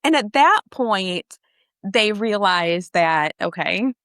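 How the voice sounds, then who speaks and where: A woman's voice: mid-range voice, lively intonation, takes it slowly, a bit bright, no room sound. Candid woman on a podcast, close dry mic. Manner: candid and laughing easily. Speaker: podcast co-host. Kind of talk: casual conversation.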